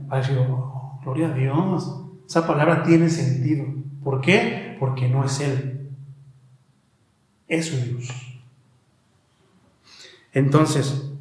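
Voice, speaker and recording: Emphatic Mexican preacher, fairly high male voice, rhetorical questions, very echoey church hall. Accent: Mexican Spanish. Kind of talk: sermon.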